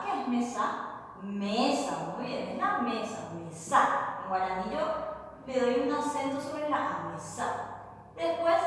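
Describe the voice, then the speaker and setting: A woman teaching a recorded lesson for children, repeating words slowly and clearly for her pupils. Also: high-pitched, a bit bright, a little hiss or hum. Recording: echoey room, mic far off.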